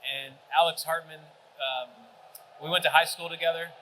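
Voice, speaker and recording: A man's voice: on the high side, steady tone, moderate pace, sharp tone, slight background noise, poor audio. A man answering fan questions on a convention panel, telling stories with enthusiasm.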